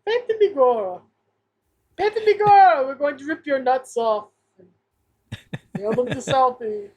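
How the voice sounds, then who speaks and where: A woman doing a loud Boston Irish mobster. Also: high-pitched, lively intonation, a little slow. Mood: threatening.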